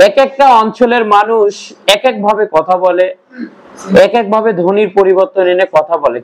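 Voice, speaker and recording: A man's voice: high voice, slight background noise, low-quality recording. A young man teaching a grammar class, lecturing and quizzing his students with repeated questions.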